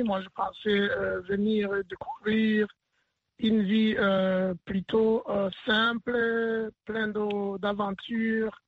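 A man from Burundi, a guest on a radio interview, speaking hesitantly with many filler pauses. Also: high-pitched, dry recording. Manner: hesitant, lots of "euh". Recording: dry, tinny phone line.

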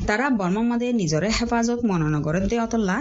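A woman's voice: medium pitch, a little fast, a little mellow, dull audio. A woman with a Rohingya accent presenting scripted radio news.

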